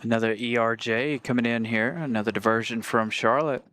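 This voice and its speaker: A man's voice: mid-range voice, fairly even intonation, fairly quick, a bit bright. A man hosting a plane spotting livestream with casual, conversational live commentary. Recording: faint ambient noise.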